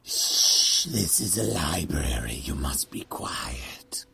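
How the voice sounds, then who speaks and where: An actor voicing a male game character who shushes people in a hushed, librarian-like whisper. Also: extremely low pitch, big pitch swings, slow pace, gravelly, exaggerated voice. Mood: hushed, admonishing. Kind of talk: video game character dialogue.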